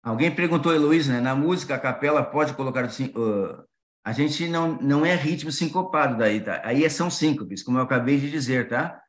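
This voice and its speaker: A man teaching music in a patient explanatory way, often pausing with fillers and checking that listeners follow. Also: mid-range voice. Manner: sings short melody syllables to demonstrate. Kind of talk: online class explanation. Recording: roomy echo.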